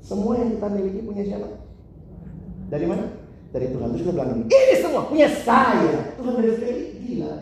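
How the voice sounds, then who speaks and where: A male preacher delivers a sermon with a lively, swooping pitch, often tossing questions to his listeners. His voice sits a little high and booms through a very echoey church hall. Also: quick pace, gravelly, long pauses, slight background noise. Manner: animated, storytelling, asks the audience questions.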